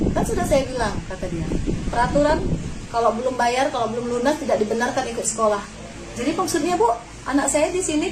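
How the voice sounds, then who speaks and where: A woman, a pupil's mother, telling an interviewer what happened at her child's school, indignant and acting out what each person said. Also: high voice. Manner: indignant, quotes others in dialogue. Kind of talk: emotional interview account. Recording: noisy background ambience.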